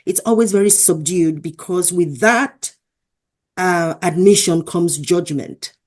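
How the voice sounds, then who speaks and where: A woman's voice: on the low side, slow pace, darkish tone. A woman from Africa, a professor and interview guest, talking earnestly and telling stories in a conversational way. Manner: earnest, acts out quoted dialogue.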